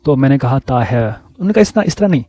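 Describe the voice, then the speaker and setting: A man telling personal stories in a casual vlog, relaxed and repeating words for emphasis. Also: mid-range voice. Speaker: vlogger.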